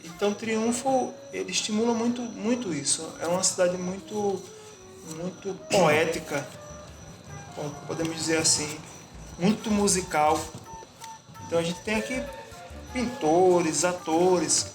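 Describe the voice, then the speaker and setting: A man from Bahia with a Bahian accent, answering interview questions in a reflective, pausing way with frequent restarts. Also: high-pitched. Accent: Bahian Portuguese. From Bahia, Brazil. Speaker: interviewed artist and musician. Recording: echoey room with music behind.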